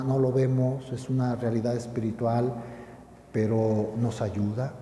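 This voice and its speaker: A middle-aged priest preaches a homily, earnest and pastoral as he turns straight to his listeners. His voice is deep and mellow. It rings through a large church with a long, lingering reverb. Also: slight background noise. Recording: roomy hall with long reverb.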